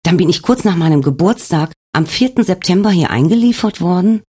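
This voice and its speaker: A woman's voice: on the low side, lively intonation, brisk, dark tone, husky, pitched above the performer's own voice. A man voicing a young woman who has just woken in a hospital bed, anxious and full of questions, in an audiobook. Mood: bewildered, anxious.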